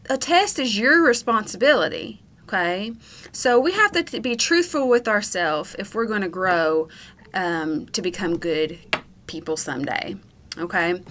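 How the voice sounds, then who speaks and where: A woman's voice: medium pitch, fairly bright tone. A woman teaching a character lesson to children. She checks in with "okay?" after nearly every point and explains patiently. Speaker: school educator.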